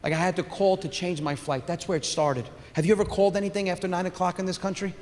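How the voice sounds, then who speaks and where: A man's voice: high voice, fairly even intonation, quick pace, a little mellow. A young man doing a brash, profane stand-up set on stage into a handheld mic. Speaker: stand-up comedian. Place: comedy stage in a theater. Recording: live hall reverb, faint crowd.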